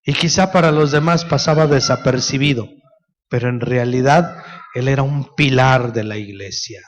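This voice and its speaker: A middle-aged man with a Mexican Spanish accent, a pastor preaching a sermon, telling stories and addressing the congregation as brothers. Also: on the high side.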